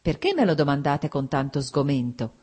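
A proud, defiant young noblewoman of high society, as a woman reader puts her on, her husky voice lifted higher than the narration. She speaks with heated insistence and defends herself point by point, in an audiobook reading. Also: very animated, moderate pace, a little mellow, heavily acted. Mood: offended.

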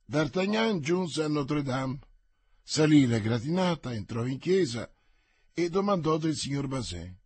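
Male narrator for a classic novel audiobook, husky, lively, dry close sound. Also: fairly high pitch, no room sound. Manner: expressive, measured reading. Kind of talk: scripted narration.

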